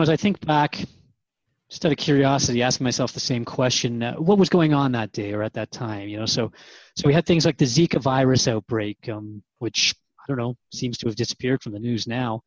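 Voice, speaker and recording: This interviewer in a radio drama series trades questions and answers conversationally, sounding hesitant and reflective. His voice is mid-range, and the recording is dry and slightly dull.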